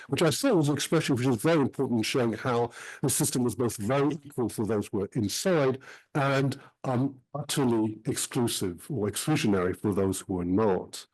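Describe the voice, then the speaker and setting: A middle-aged man who grew up in Switzerland, giving an academic talk about his book in a measured way with many filled pauses. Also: mid-range voice, expressive, darkish tone, poor audio.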